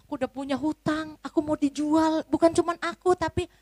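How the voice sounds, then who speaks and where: Lady doing a scared servant guy begging, high and whiny, dry close sound. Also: fairly even intonation, a little fast, darkish tone, dry recording, close to an everyday voice. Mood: pleading. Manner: pleading and whimpering, later harsh. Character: frightened indebted servant, later a bully.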